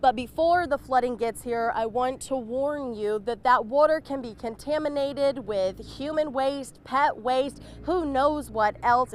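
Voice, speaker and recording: A woman field reporter giving a conversational live news report from outdoors. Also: high-pitched. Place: outdoors in a waterfront town.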